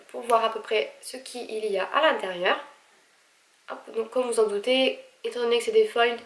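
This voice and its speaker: A vlogger with a stuffy, nasal voice chats about her recent purchases in a casual haul video, gushing and hesitating often as she speaks with effort. Her voice is on the high side, recorded from a distance in an echoey room with slight background noise.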